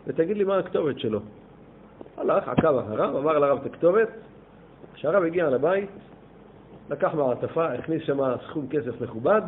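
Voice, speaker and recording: Rabbi telling a story over thin sound. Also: male voice, fairly high pitch, slight background noise. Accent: Israeli Hebrew. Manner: lively storyteller, acting out dialogue with animated rises. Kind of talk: sermon storytelling. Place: study hall. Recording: tinny phone-like lo-fi recording.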